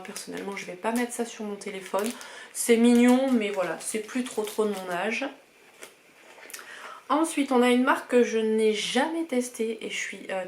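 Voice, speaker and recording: A woman chatting casually through a beauty box unboxing, enthusiastic and full of hesitant fillers. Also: mid-range voice. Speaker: beauty vlogger. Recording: echoey room, faint ambient noise.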